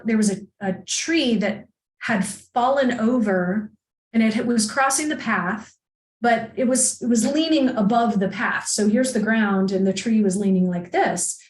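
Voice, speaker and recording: A woman coach as a podcast guest, telling personal stories in a chatty, animated way and laughing often. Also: a little high. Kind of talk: casual conversation, personal storytelling. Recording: echoey room.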